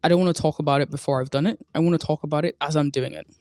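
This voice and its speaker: A woman hosting a solo talk podcast, speaking deliberately and repeating phrases for emphasis. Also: low-pitched, steady tone, mellow, dry recording, studio quality. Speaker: podcast host.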